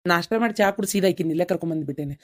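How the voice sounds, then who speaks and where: A woman voicing caring village relatives in a cartoon, with a North Karnataka Kannada accent and a brisk, reassuring manner. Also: lowish voice, darkish tone, lightly acted. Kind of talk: cartoon voice acting.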